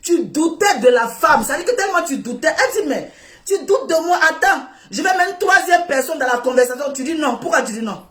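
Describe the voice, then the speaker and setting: A woman's voice: high voice, animated, a little fast, few pauses, fairly bright tone. A woman delivering a commentary rant straight at the listener, scolding, repeating herself and laughing mockingly. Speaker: online commentator. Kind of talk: direct-to-camera commentary rant. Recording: roomy echo.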